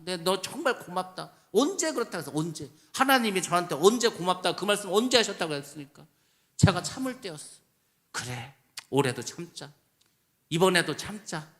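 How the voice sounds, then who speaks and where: A pastor preaching a sermon, emphatic, asking rhetorical questions and answering them himself, swinging between loud stress and quiet asides in a church sanctuary. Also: male voice, sits high.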